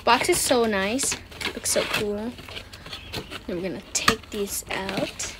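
In a mid-range voice and at a slow pace, a woman runs a casual unboxing, offering short, repeated remarks while handling items. She's indoors on a wooden floor, and the audio picks up clicks and handling sounds.

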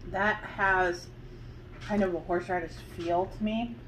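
A woman's voice: medium pitch, slow pace, a little hiss or hum, low-quality recording. A woman casually chatting while tasting food, self-deprecating and talkative. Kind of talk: casual chat.

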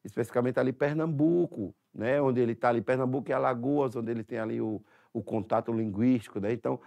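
A man's voice: mid-range voice, fast talker, vocal fry, mellow. A man teaching an exam-prep language lesson in a Sergipe Brazilian Portuguese accent, explaining step by step and checking in often with tag questions.

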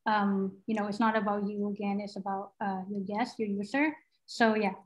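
A woman's voice: mid-range voice, steady tone, normal speed, rough recording. A young woman from Thailand, a guest product designer, answering questions casually on a video call, thinking aloud with fillers and restarts. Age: young adult. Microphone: laptop mic on a video call.

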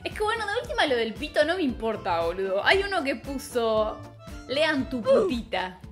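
A woman's voice: sits high, very animated, fairly quick, soft background music. A young woman with a Rioplatense Argentine accent, telling a self-mocking story in a casual vlog, full of slang and asides. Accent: Rioplatense Spanish. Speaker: vlogger.

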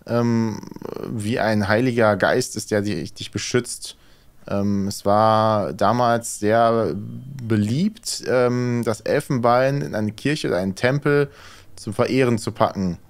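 A man gives casual let's play commentary on a horror game, thinking aloud hesitantly as he plays. His voice is mid-range and slow.

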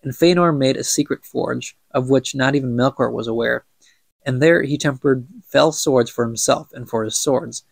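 Speaking at normal speed in a mid-range voice with vocal fry and no room sound, a young man with a blocked nose reads a book for a podcast and chats about it casually. He fumbles words and laughs at himself.

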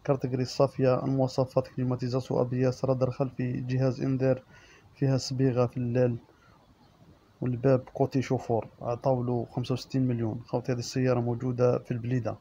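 A man with an Algerian Arabic accent reading out used-car listings and prices as the regular presenter, in a steady listing manner. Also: mid-range voice, rapid-fire, lo-fi sound, slight background noise. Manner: monotone listing of specs and prices.

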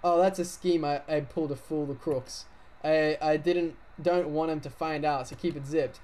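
A man voicing a gruff, curt older sea captain. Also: fairly high pitch, steady tone, moderate pace, darkish tone, natural voice. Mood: grumpy.

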